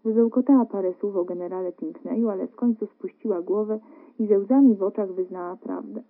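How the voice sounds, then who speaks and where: Calm woman narrating a story. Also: mid-range voice, brisk. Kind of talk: literary story reading. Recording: narrow phone-like radio broadcast.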